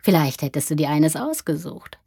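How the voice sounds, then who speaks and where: A woman voicing a kind older man who talks softly and coaxingly to a child. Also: sits low, big pitch swings, normal speed, breathy edge, no room sound, clean studio sound, heavily acted. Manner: soft, coaxing, kindly. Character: gentle older man with crooked legs.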